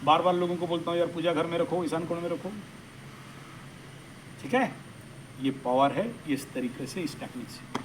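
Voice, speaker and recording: A man with a high, bright voice lectures a workshop audience on astrology. He talks with emphatic, lively energy and slips English phrases in among his points. A faint background hiss sits under the recording. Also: moderate pace, pauses often. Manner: animated, emphatic, mixes English phrases into speech. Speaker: astrology teacher.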